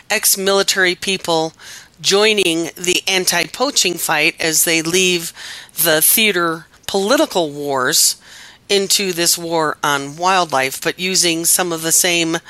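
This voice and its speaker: Bright-voiced woman host asking probing questions. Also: fairly low pitch, takes it slowly, no room sound, low-quality recording. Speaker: podcast host. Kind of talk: podcast interview.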